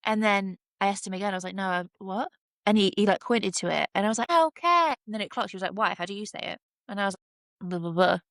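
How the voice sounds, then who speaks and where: A woman's voice: medium pitch, fairly even intonation, racing, creaky, dry recording. A woman co-hosting a podcast, telling stories in casual chat, swearing freely and using many fillers. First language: English. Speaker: podcast co-host.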